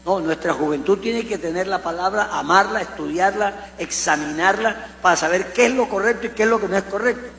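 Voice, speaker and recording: High gravelly coastal preacher. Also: male voice, fairly quick, hardly any pauses. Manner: animated storytelling with humorous asides. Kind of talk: conversational sermon teaching. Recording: echoey hall with mains hum.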